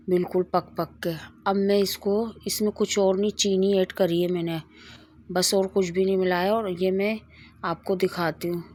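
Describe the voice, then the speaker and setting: Speaking in a medium-pitched, slightly mellow voice, a middle-aged cooking channel host walks through a recipe in her home cooking video. She chats throughout and weaves in a story with a moral.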